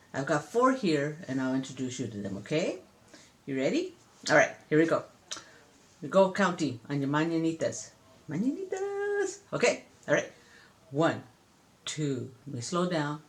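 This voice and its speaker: A woman's voice: low-pitched, very animated, moderate pace. An older woman, a grandmother, chatting and teaching counting to a grandchild on a phone video. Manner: warm, chatty, sing-song counting.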